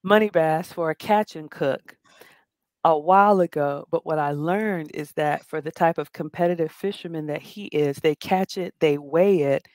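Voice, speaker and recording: A woman's voice: deep voice, normal speed, dry recording. A woman co-hosting a casual livestream chat over a video call, reading out viewer questions. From Athens, Georgia, US South. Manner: reads viewer questions aloud, warm chatty. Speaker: co-host. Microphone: video call webcam.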